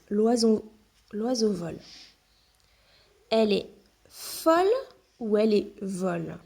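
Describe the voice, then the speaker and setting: A woman teacher giving a phonics lesson to young children, spelling out words and syllables slowly and clearly. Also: on the high side, warm tone. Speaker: primary school teacher.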